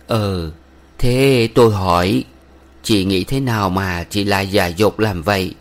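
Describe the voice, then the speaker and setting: A preachy middle-aged village matron, as a male narrator puts her on, pitched a little above his low voice and a touch louder. She lectures in a sweetly stern, moralizing way. It is an audiobook reading of a novel. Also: a little slow. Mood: lecturing.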